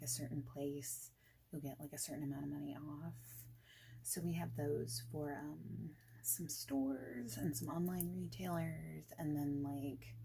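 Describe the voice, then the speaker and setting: A woman talks softly and breathily, often dropping close to a whisper, with a low voice. She's an ASMR creator playing a friendly boss in a job interview roleplay, rambling in an informal, reassuring way. The audio is poor, with slight background noise.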